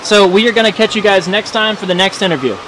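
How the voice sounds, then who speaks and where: A man's voice: high voice, fast talker, poor audio. A man hosting a casual interview, upbeat and using slang. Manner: upbeat, uses slang like "dope". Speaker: interviewer host. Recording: loud outdoor traffic noise.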